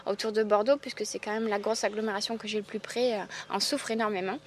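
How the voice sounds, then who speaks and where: A woman's voice: mid-range voice, fairly even intonation, fast talker, slight background noise. A woman with a southwest French accent from the Landes, an herbalist chatting enthusiastically in an interview and laughing often. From Landes, southwest France. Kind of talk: casual interview chat.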